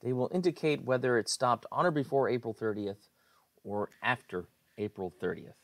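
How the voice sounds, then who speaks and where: A man's voice: medium pitch, normal speed, no echo. A man, an IT director, explains website changes in a screencast walkthrough, speaking plainly with frequent fillers. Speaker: IT director presenting website updates.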